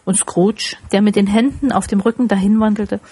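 Woman reading an audiobook, husky voice, calm steady storytelling. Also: mid-range voice, moderate pace. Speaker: audiobook narrator.

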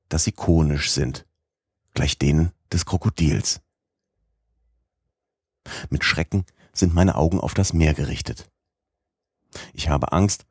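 Audiobook narrator: man, very low voice, measured first-person reading, dry close sound. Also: darkish tone, no echo. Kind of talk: scripted narration.

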